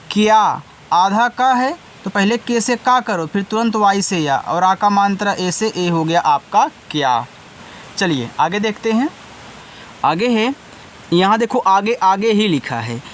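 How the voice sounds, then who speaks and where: Male teacher with a high voice, patient and methodical, addressing his students directly. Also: slight background noise. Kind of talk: online lesson. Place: indoors with wind outside.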